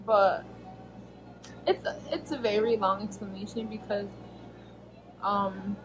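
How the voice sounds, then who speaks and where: A young American woman with a medium-pitched, slightly mellow voice answers viewer questions in a casual vlog, rambling with lots of fillers and self-corrections. She films in a small bedroom on a camera held at arm's length, her face framed close, and the recording is rough.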